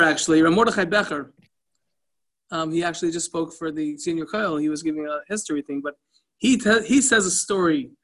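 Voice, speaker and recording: A man's voice: high-pitched, bright, forceful tone. A man teaching a casual Talmud class, telling stories and explaining the text in a loose, conversational way with Yiddish and Hebrew terms mixed in.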